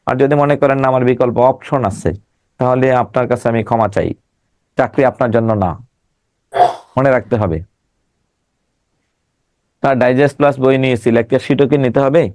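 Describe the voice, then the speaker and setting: Man teaching an exam class, emphatic and repetitive, middle pitch, dry close sound. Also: fairly even intonation, moderate pace, pauses often, darkish tone, no echo. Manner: emphatic, repeats and drills words syllable by syllable. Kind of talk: online exam-prep class.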